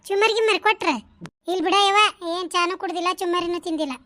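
A woman voicing shrill gossiping village women. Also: fairly bright tone, no room sound. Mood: bickering. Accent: North Karnataka Kannada. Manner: quick scolding village banter, exclamatory. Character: bickering gossipy village women, nosy and sharp-tongued. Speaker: voice of a cartoon series. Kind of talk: village gossip cartoon voice acting.

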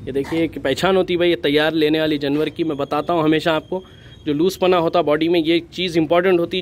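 A fairly high-pitched man shows a goat for sale in an outdoor pen, talking in a flat, even tone. He films on a handheld phone, and faint street noise runs underneath. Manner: flat, steady, repeatedly says "bhai". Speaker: goat farm seller. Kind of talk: casual sales walkthrough.

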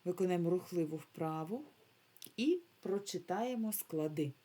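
Woman, primary teacher, remote phonics lesson; a low, mellow, husky voice, unhurried and carefully articulated. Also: animated. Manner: slow, carefully drawn-out words, modeling sounds for children.

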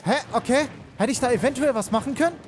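A young man giving excitable live commentary on a game he is playing, rapidly repeating words and mixing in English slang. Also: extremely high pitch, slight background noise. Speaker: let's player. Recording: game music behind.

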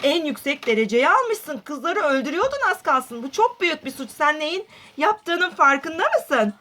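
A woman putting on a strict cop guy, lower voice than hers but still fairly high, scolding. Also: big pitch swings, moderate pace, sharp tone, exaggerated voice. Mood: stern. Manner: firm, scolding. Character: stern adult male police officer. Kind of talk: toy-doll roleplay voicing.

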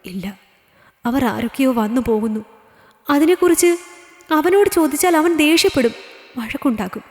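A woman's voice: sits high, animated, normal speed, a little mellow, voice pushed up. A woman voicing an overworked working-class mother who complains and pleads that she has no time. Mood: complaining. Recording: echoey reverberant room.

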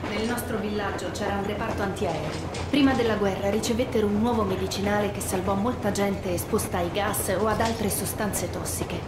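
A composed, practical young woman medic played by an actress in a video game. She speaks at a middling pitch in a roomy space with loud noise behind her. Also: fairly even intonation, fairly quick, few pauses, natural voice. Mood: calm, reasoning. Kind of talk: video game voice acting, Italian dub. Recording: roomy, very noisy game ambience.

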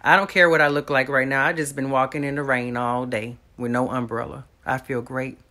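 A woman in her 30s, a vlogger, records a sincere, faith-filled testimony into a close phone mic in a small home room, talking straight to viewers. Her bass voice is bright and forceful yet steady, a little fast.

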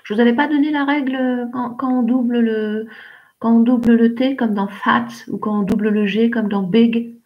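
A woman's voice: a little high, steady tone, moderate pace, dull audio. A woman teaching English in a live online class, encouraging pupils and calling on them by name. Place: home, remote teaching.

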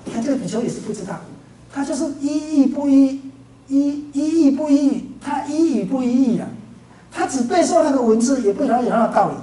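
A woman's voice: high voice, expressive, mellow. Woman giving a dharma lecture in a roomy hall. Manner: storytelling, frequent drawn-out fillers. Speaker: Buddhist teacher. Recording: roomy hall, distant mic, faint hiss.

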